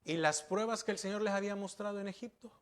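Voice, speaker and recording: A man's voice: sits high, fast talker. A man pastor preaching a sermon, asking rhetorical questions and repeating key words for emphasis.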